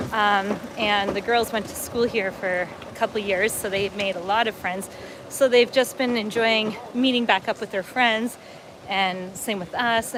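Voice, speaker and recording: A woman's voice: a little high, noisy background. Chatty woman vlogging outdoors. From upstate New York, USA. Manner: chatty, reads viewer comments aloud while walking. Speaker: travel vlogger hosting a livestream. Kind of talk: casual livestream chat. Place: outdoors on a lakeside waterfront.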